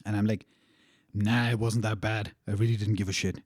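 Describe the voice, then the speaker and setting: A man's voice: fairly low pitch, little pitch movement, moderate pace, darkish tone, dry recording, clean studio sound. Candid, profane man telling a story. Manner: candid and profane, laughs often. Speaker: storyteller recounting a travel experience. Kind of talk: casual storytelling.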